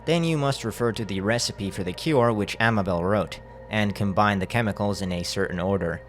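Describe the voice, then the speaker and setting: A man's voice: lowish voice, brisk, a little hiss or hum. A man narrating a video game critique as a voice-over. He speaks casually and bluntly and swears freely.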